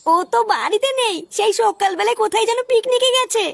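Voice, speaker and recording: A woman's voice: very high voice, fast, vocal fry. A woman voicing a worried, thrifty old grandmother in a cartoon, nagging and fretful. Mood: alarmed. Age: older.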